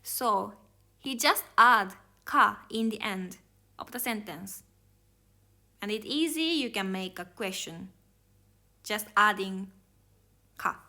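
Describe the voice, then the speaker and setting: Slow, bright-voiced woman teaching. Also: mid-range voice, animated. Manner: slow, careful explaining. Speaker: Japanese language teacher. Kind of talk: language lesson.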